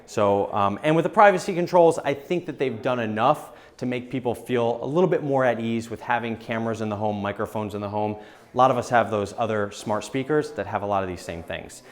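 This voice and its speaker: A man of ordinary middle pitch walks through a gadget hands-on as a tech reporter. He talks casually and upbeat, filling pauses with "um" and "uh" as he shows off features. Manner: chatty and upbeat, with frequent "um" and "uh". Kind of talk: casual hands-on product demo.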